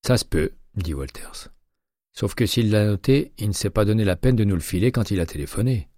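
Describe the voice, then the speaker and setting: A man's voice: lowish voice, expressive, brisk, dark tone, dry recording, studio quality, pitched above the performer's own voice. A man reading an audiobook, voicing a matter-of-fact male police detective who lays out the facts of a case. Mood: explaining.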